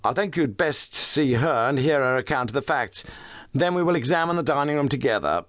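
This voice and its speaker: A brisk young police inspector , as a reader voices him, eager and sure of himself, rattling through his account a little above the reader's own voice. The sound is close and dry. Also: medium pitch, lively intonation, no echo, voice pushed up, close to an everyday voice.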